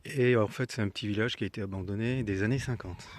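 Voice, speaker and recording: A man vlogging casually outdoors in the mountains, exclaiming at the scenery and sometimes talking softly in the early morning. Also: on the low side, fast talker, a little hiss or hum. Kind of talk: casual vlog narration.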